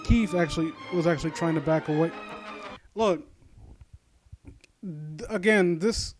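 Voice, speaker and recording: A man with a fairly high voice, hosting a critique series, reads a story aloud and comments on it in an unhurried way. He's sardonic and informal, with mock-supportive asides, and trips over his words as he reads. Music plays faintly behind him.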